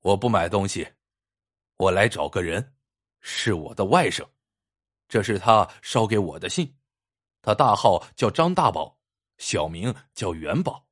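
A wary middle-aged uncle who once served as an executioner, put on by a male storyteller, speaks low and haltingly. His voice is dropped deep and hushed, with a husky edge. He weighs every word as if afraid of what he will hear. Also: animated, no echo, clean studio sound. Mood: guarded.

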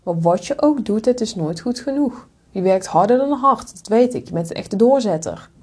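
A woman's voice: mid-range voice, lively intonation, moderate pace, darkish tone, slightly rough. A woman hosting a podcast, giving frank, blunt motivational advice and slipping in swear words and English asides. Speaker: podcast host and coach. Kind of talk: direct motivational monologue.

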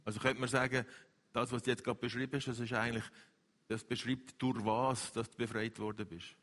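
A man interviewing a guest about faith, rephrasing his questions in halting, probing restarts. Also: mid-range voice, flat delivery, a bit bright, big-room sound.

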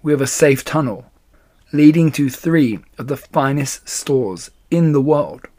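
A man's voice: on the high side, animated, unhurried, darkish tone. A man voicing a confident, charismatic fox leader making persuasive speeches in a children's story.

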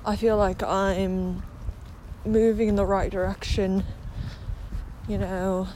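Woman podcaster, slow confessional delivery, slight retainer lisp, outdoor walking recording with traffic-like noise. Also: mid-range voice, level tone, warm tone, poor audio. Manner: hesitant, candid, with mild swearing. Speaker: podcast host. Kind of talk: casual confessional monologue while walking. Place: outdoors, on a muddy walk.

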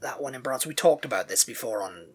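A woman's voice: rumbling low, lively intonation, quick pace, husky. A woman co-hosting a podcast, chatting casually and acting out the people she quotes, with many fillers. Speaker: podcast co-host. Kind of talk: casual chat reacting to comments.

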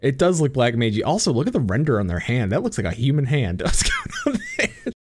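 Over a voice call on a computer mic, this young gaming podcast co-host talks in a husky, medium-pitched voice whose pitch swoops wildly. He speaks fairly quickly, giggles a lot, cusses without restraint and leans heavily on fillers.

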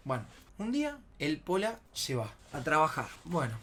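A man in his twenties with an Argentine Rioplatense accent, telling a comic anecdote in a slangy, profane way and acting out his friends' shouting. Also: moderate pace. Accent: Argentine Rioplatense Spanish. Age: 20s. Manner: animated storytelling, acts out shouting friends in high strained bursts. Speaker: storyteller.

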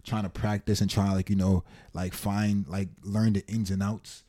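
A man's voice: on the low side, flat delivery, normal speed, dark tone. A man hosting a podcast, chatting casually in street slang. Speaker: podcast host; photographer. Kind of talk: casual chat.

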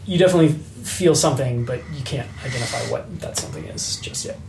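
A man narrating as game master in a relaxed, hesitant way, full of fillers. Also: medium pitch, fast talker. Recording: echoey room with faint noise.

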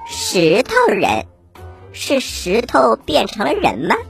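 Woman doing a croaky little frog, swooping pitch. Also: wildly swooping pitch, takes it slowly, exaggerated voice. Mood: curious, chirpy. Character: curious little green frog, child storyteller's sidekick. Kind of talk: children's story show dialogue. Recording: loud music behind the voice.

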